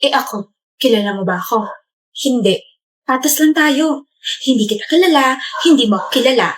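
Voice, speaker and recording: A woman acting out a brash young woman who teases and talks back in a comedy skit. Her voice is high and her delivery sassy. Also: expressive, moderate pace. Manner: sassy, loud and teasing.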